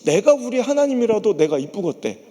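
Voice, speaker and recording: Raspy animated male preacher. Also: high-pitched, brisk, in a large hall. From Chungcheong region, Korea. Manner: animated, joking storytelling with impersonations. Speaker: pastor. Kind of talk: revival sermon. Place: large church sanctuary.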